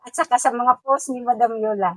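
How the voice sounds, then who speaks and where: A woman's voice: fairly high pitch, a little fast, fairly bright tone, no room sound, poor audio. A woman, mother of a sponsored student, giving chatty thanks to the sponsors. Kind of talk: casual thank-you.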